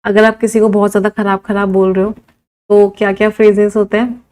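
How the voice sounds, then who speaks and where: Brief: young Indian female teacher, steady synonym drills, slow careful dictation. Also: medium pitch. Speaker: English vocabulary teacher. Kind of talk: live online vocabulary lesson.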